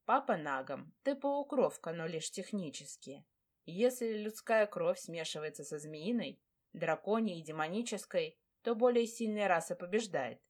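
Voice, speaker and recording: Voicing a proud, brooding male dragon lord, a woman speaks softly and tenderly to his fiancée in a low, hushed register that stays close to her everyday voice.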